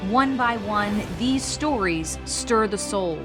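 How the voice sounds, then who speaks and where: A woman giving a measured, earnest scripted promo narration. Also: mid-range voice, lively intonation, music in the background.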